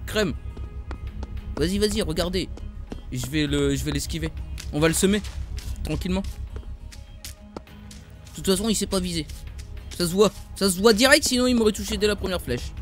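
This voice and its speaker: A man with a French accent commentating his own gameplay, trash-talking opponents and talking to his viewers. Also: high-pitched. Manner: trash-talking, excitable, calls viewers "les gars". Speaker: gaming YouTuber. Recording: music playing behind the voice.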